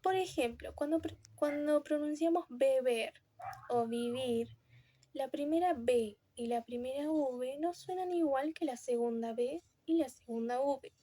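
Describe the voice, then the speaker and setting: A woman's voice: high voice, measured pace, dark tone, no echo. A young woman presenting a class lesson, explaining and acting out speech sounds with her lips, often correcting herself. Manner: self-correcting, with fillers. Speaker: student presenter.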